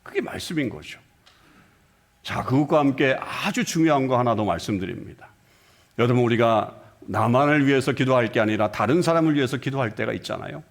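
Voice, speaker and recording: A man's voice: medium pitch, expressive, a little fast. A middle-aged man preaching a sermon as senior pastor, asking the congregation rhetorical questions and acting out short dialogues. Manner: acts out short dialogues with shifting voices. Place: church sanctuary.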